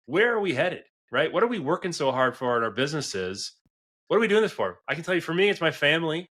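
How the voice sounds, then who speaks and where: On his business advice podcast, a forty-year-old host and advisor talks quickly in a slightly high, somewhat bright voice with big swings in pitch. His style is earnest, emphatic and conversational, with a habit of asking "right?".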